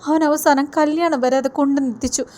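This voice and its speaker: A woman's voice: high-pitched, steady tone, a little fast, a little mellow, lightly acted. A woman reading the lines of a heartbroken young man pouring out his sorrow to his father in a tearful, pleading way. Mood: grieving.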